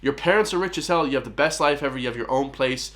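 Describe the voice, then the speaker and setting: A man's voice: medium pitch, fast, a bit bright. An Irish man hosting a reaction channel, giving emphatic casual commentary and often speaking straight to his viewers. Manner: emphatic, keeps addressing viewers as "guys".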